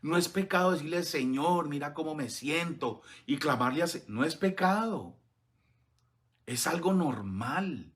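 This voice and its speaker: A man preaching a sermon, reading scripture aloud between earnest comments, often pausing on hesitant fillers. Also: fairly high pitch, expressive, fairly bright tone. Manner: earnest, addresses listeners as beloved, frequent hesitant fillers.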